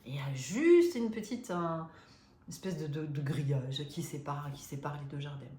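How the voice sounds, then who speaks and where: Woman, 50s, low voice, halting confiding storyteller, echoey room. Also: animated, dark tone. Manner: hesitant, many fillers and restarts; emotional, confiding. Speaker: spiritual vlogger. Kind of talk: personal storytelling to viewers. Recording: roomy echo.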